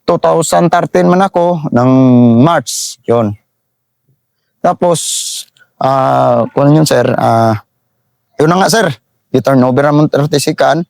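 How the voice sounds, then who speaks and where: Visayan-accented middle-aged soldier, halting storyteller with a rough, gravelly voice and a fairly high pitch. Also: male voice, a little mellow, no echo. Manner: halting, repeats phrases, keeps saying "sir". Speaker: army sergeant telling a war story. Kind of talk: interview storytelling.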